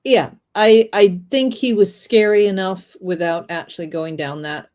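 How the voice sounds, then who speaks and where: A woman's voice: mid-range voice, measured pace, a little mellow. A woman co-hosting a review podcast, rambling with many fillers while she searches for words. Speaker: podcast co-host. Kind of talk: casual review discussion.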